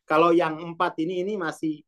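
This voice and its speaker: A man's voice: fairly high pitch, little pitch movement, fairly quick. A man giving an informal, rambling self-development lesson over a video call, speaking in a loose, colloquial way.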